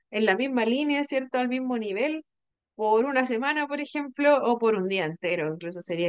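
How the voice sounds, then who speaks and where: A woman's voice: a little high, smooth, no echo. A young adult woman, teaching a training class and explaining patiently, often checking in with her listeners. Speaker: instructor.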